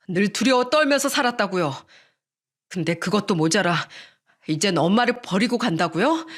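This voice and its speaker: A woman voicing a grown son who calmly and firmly reproaches his father in a narrated radio story. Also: mid-range voice. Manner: firm, reproachful, measured.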